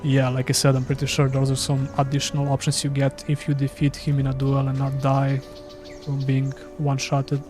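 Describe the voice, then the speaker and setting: Over music, a Serbian man streaming a game live chats casually and self-deprecatingly in a Serbian accent. His medium-pitched voice is monotone and fairly quick.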